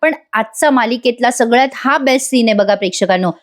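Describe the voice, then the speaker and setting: A woman's voice: a little high, a little fast. A woman narrating a voice-over recap of a TV serial, retelling scenes. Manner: animated retelling, acts out character lines.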